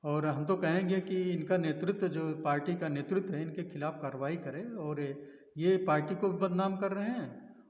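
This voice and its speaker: Worked-up analyst guy, slightly high voice, echoey dull room. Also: moderate pace. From Uttar Pradesh, India. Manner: indignant, emphatic, with hesitant restarts. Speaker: political analyst. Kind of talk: news interview answers. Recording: echoey, roomy, dull lo-fi sound.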